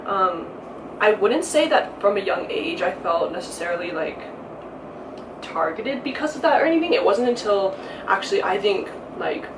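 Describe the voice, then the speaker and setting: A young woman guest chatting casually and relaxed, often saying "um" and "like.". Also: medium pitch, moderate pace. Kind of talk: casual chat. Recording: echoey room, mic at a distance, background hiss.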